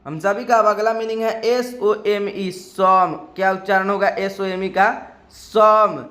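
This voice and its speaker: A man with an Indian accent teaching English vocabulary in Hindi, spelling each word letter by letter and repeating it slowly. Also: high voice, flat delivery, a bit bright. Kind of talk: spoken English lesson.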